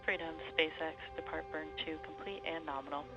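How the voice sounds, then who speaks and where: A woman working as a spacecraft operator, giving crisp, methodical procedural callouts over a space-to-ground radio link. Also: low voice, fairly even intonation, a little fast. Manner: crisp, methodical checklist delivery. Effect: space-to-ground radio comm link. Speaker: spacecraft operator at mission control. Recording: muffled radio link, faint music.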